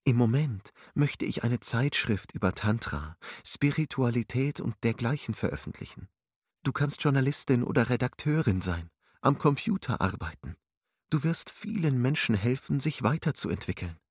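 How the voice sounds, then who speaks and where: A man's voice: mid-range voice, animated, normal speed, breathy edge, no room sound, clean studio sound. A man reading a soothing female spiritual guide. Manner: soothing, gently instructive. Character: calm, wise older female spiritual counselor.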